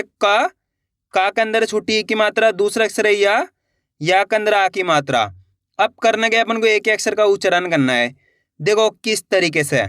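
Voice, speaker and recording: A man's voice: high-pitched, sharp tone, clean tone, no echo, clean studio sound. A man teaching children's reading, sounding out each syllable and then blending it into the word, encouraging his viewers as friends. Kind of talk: slow syllable-by-syllable reading lesson.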